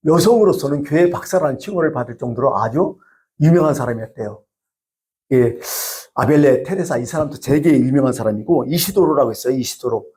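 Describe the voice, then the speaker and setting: Animated storytelling male pastor. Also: mid-range voice. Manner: lively storytelling with rhetorical questions. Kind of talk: sermon.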